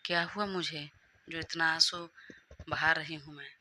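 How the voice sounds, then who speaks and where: A woman's voice: low-pitched, fairly even intonation, unhurried, sharp tone, slight background noise, full character voice. A woman voicing a confused, heartbroken young woman who keeps questioning her own feelings in a Hindi audio story. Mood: anxious, self-questioning. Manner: questioning herself in an anxious inner monologue.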